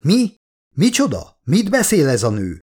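A man's voice: fairly high pitch, wildly swooping pitch, a little mellow, breathy edge, voice pushed up, exaggerated voice. A man reading an audiobook, voicing a domineering female commander who barks orders. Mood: commanding. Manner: commanding, shrieking. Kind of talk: audiobook character voice.

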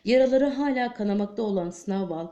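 A woman reads a novel aloud as an audiobook narrator, steady and measured. Her voice is mellow and warm, at an average pitch. The recording sounds roomy, with clear echo. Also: dull audio. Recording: echoey room.

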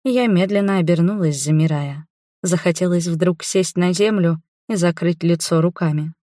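A woman's voice: lowish voice, normal speed, dark tone, no echo, studio quality. A woman reading a first-person novel aloud, narrating and voicing the characters in dialogue. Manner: voices several characters in dialogue. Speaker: audiobook narrator.

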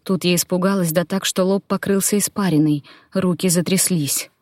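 A woman with a low voice narrates an audiobook in the first person, telling the story with tense drama. The recording is dry and close, with no room sound. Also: fairly even intonation, normal speed, a little mellow, no echo.

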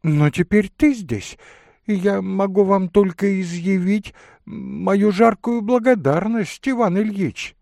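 A man's voice: sits high, slow, creaky, a little mellow, dry recording, studio quality, pitched above the performer's own voice, exaggerated voice. A man reading a novel aloud, voicing a flighty, breathless lady who chatters and gushes. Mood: gushing. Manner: chirping, breathless, gushing. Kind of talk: audiobook character reading.

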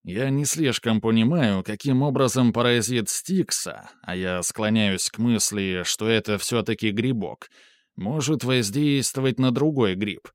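A man's voice: medium pitch, a little slow, no echo, lightly acted. A man reading an audiobook, voicing a grumbling, mocking male raider who reasons things through aloud. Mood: musing. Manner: dry, reasoning, teasing.

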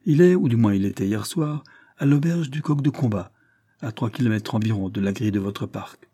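A man's voice: on the low side, a little fast, dark tone, husky. A man voicing a cool, exacting detective who speaks with cold precision in an audiobook reading.

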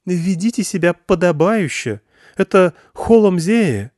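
A man voicing an imperious young woman commander who gives shrill, drawn-out orders. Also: sing-song, darkish tone, no room sound, studio quality.

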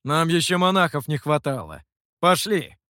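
A man's voice: a little high, sing-song, normal speed, bright, forceful tone, smooth, no echo, studio quality. A man voicing a brash, impatient male monkey demon with a cocky, menacing manner.

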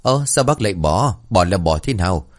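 A man voicing a gruff, short-tempered old former village shaman who scolds and curses. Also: low-pitched, animated, normal speed. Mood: mocking.

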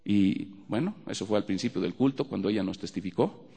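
A man's voice: fairly low pitch, expressive, a little fast, creaky, warm tone, slightly rough, long reverb tail. A man with a Mexican accent preaching a fervent sermon as a pastor in a church, repeating phrases of praise.

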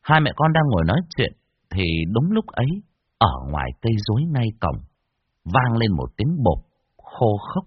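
A man narrating a horror story in a dramatic, expressive way. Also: medium pitch, normal speed, slightly rough, no echo, muffled recording.

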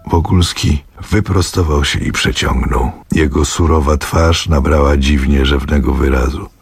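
A man narrating a novel in a measured, expressive way for radio. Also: a bass voice, no room sound. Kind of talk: literary radio reading. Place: radio studio. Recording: radio reading with clear music behind.

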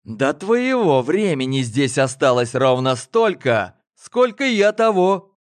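A man's voice: on the high side, big pitch swings, measured pace. A man voicing a touchy, hot-tempered younger twin brother in an audiobook. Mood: touchy, irritable. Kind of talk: audiobook character voice.

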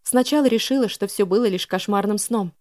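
A woman's voice: medium pitch, a little fast, a little mellow, no echo, clean studio sound. A woman narrating a first-person audiobook in an emotional, dramatic reading.

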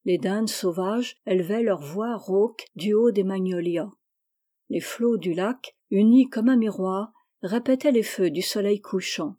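A woman reading a classic novel aloud in a measured, unhurried way. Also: medium pitch, dark tone. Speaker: audiobook reader. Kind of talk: scripted literary narration.

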